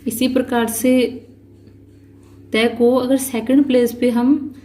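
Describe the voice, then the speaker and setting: A woman teaching a shorthand lesson, explaining each rule slowly and patiently, repeating points and counting out positions. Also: a little high, level tone, mellow, a little hiss or hum. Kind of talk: slow step-by-step lesson.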